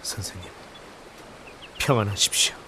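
A man's voice: normal speed, pushed and bright, a little hiss or hum, close to an everyday voice. A man playing a brooding, grieving wizard in a radio drama, earnest and formal. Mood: sad resignation. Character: brooding, grieving male wizard wanderer, quick to fury.

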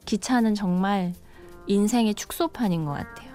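A woman in her thirties tells her story with earnest reflection, in an interview answer. Her pitch sits mid-range, and soft music plays faintly underneath. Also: normal speed. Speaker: tourist train attendant.

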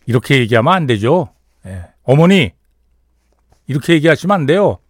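A man hosting a radio show in a studio, reading a short story and then listener messages, with relaxed banter. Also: mid-range voice, normal speed, no room sound. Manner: relaxed banter, reads messages aloud and comments.

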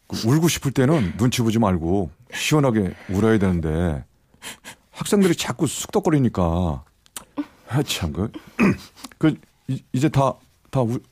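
A man's voice: lowish voice, very animated, measured pace, long pauses, a little mellow, husky, full character voice. An actor playing a flustered young male shop clerk who stammers, in a radio drama. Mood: shy.

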